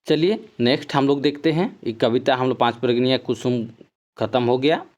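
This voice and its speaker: In a recorded exam-prep class with dull lo-fi sound, a man of medium pitch reads lines of poetry aloud and then explains them. He talks fairly quickly and keeps repeating "ठीक है".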